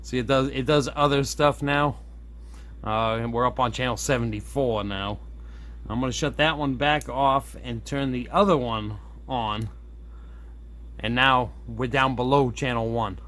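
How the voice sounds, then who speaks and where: This is an unhurried man of medium pitch presenting his hobby project, a modified radio, thinking out loud as he demonstrates it casually at an indoor workbench. Audio comes from a camera on a tripod close by, with a steady noise floor and audible room tone.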